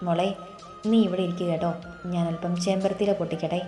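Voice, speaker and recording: A woman voicing a caring, worried middle-aged mother who soothes and gently scolds, in a storybook reading with faint music in an echoey room. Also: fairly low pitch, little pitch movement, fast, natural voice. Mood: soothing.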